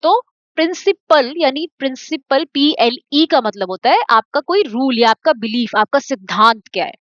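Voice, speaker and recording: A woman's voice: sits high, expressive, moderate pace, fairly bright tone, no room sound, lo-fi sound. A woman with an Indian accent teaching an exam-prep English lesson, explaining step by step and spelling words out letter by letter.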